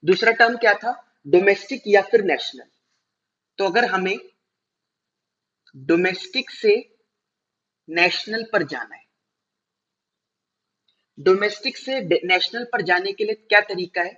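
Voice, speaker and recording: A male teacher giving a classroom lecture, explaining step by step, slowing down to spell out terms and checking whether students follow. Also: high voice, pushed and bright. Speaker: commerce teacher. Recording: dull lo-fi recording.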